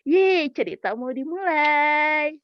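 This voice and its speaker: A woman storyteller with a high voice, coaxing young children along in a playful, slow way. The recording is dry, close and a little dull. Every line stays unhurried and gentle. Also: expressive, no echo.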